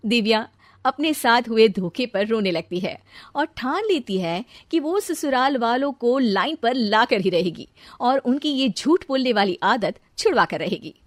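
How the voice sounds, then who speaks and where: High-voiced woman narrating a story. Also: lively intonation, a little slow, dry recording.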